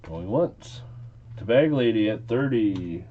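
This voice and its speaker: A man's voice: on the low side, expressive, slow pace, highs cut off, slight background noise. A man working as a casual, playful auctioneer, hosting a live auction and repeating bids and calls. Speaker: auctioneer and live stream host.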